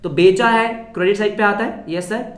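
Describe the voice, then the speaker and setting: A male accounts teacher with a sore throat, running a fast revision lesson, asking the class questions and answering them himself. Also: high voice, roomy sound. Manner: quizzes students then answers his own questions.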